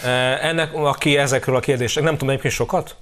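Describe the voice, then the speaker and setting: Férfi elemző vendég, ironikus, elakadó, újrakezdett mondatok. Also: male voice, mid-range voice, steady tone, fairly bright tone. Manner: wry, stumbling restarts. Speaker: political analyst guest. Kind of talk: political debate.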